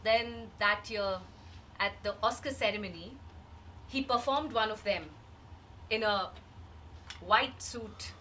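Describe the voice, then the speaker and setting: Woman acting a slow, grieving woman in a stage reading. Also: mid-range voice, bright, forceful tone. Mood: wistful, reflective. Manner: measured, halting delivery with long pauses. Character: grieving woman recalling a dead loved one, wistful and searching. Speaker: actor in a rehearsed reading of a play. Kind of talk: dramatic monologue, rehearsed reading from a script. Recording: distant microphone, faint background noise.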